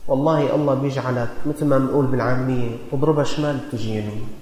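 A man's voice: medium pitch, steady tone, rapid-fire, a little mellow. A man with a Damascene Syrian accent preaching a sermon, telling stories in an earnest, folksy way and exhorting his listeners. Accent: Damascene Syrian Arabic. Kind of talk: sermon with storytelling. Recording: echoey hall with long reverb.

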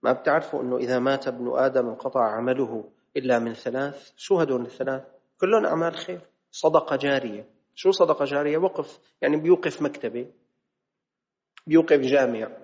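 A man's voice: medium pitch, fast talker, a little mellow. A man gives an emphatic religious lesson in a mosque hall. He draws out his quotations and keeps posing rhetorical questions. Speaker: preacher. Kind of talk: religious lesson in colloquial speech. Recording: reverberant hall, slightly dull sound.

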